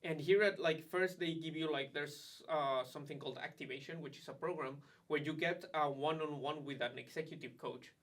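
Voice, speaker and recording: A chatty, animated man speaks as a graduate student ambassador, his voice sitting a touch high for a man. He loses himself in fillers as he talks. The mic is a little way from him, so he sounds slightly distant. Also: a little fast, few pauses. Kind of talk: casual conversation.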